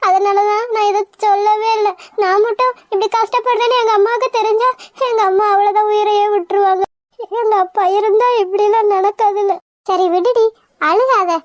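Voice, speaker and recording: A woman's voice: extremely high pitch, dry recording, clean studio sound. A woman voicing young women in a cartoon, emotional and pleading by turns. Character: young women, spirited but put-upon. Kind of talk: cartoon voice acting.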